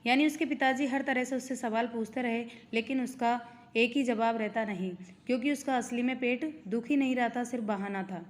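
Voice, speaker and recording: A woman's voice: on the high side, a little fast. A woman teacher reading a school play aloud and stopping to explain its words in simple terms for young students. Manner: reads each character's lines, stopping to explain words simply.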